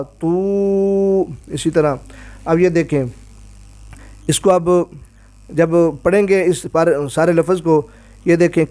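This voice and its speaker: A man teaching Quran reading in a recorded lesson, patiently sounding out each syllable slowly and drawing out the long vowels. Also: fairly high pitch, darkish tone. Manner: clears throat now and then.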